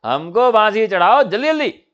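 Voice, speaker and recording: A man's voice: sits high, very animated, normal speed, a bit bright. A man reading the part of a foolish king who gives commands. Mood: imperious. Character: foolish male king, imperious and vain. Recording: dull lo-fi recording.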